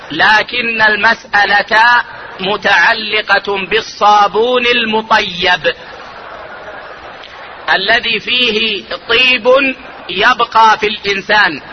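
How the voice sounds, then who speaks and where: A man who is an Islamic scholar, giving a religious lesson on jurisprudence in a measured, deliberate way and slowing down to stress key points. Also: high-pitched, muffled recording, slight background noise.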